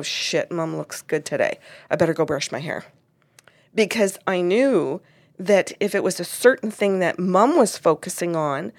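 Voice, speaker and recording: A woman, a therapist, telling the story of a family session in casual talk and acting out the lines of the people in it. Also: medium pitch. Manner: animated, acts out quoted dialogue.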